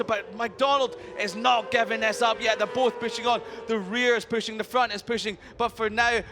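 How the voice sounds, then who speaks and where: A man working as a motorsport commentator, calling a live motorcycle race with excited, dramatic play-by-play. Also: extremely high pitch. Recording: clear vehicle noise throughout.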